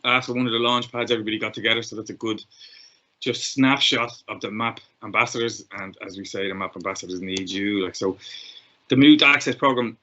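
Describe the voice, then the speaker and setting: A man's voice: medium pitch, bright, forceful tone. An Irish man hosting an online information call, chatty and often restarting his sentences. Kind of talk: casual chat. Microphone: video call. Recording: muffled video-call audio.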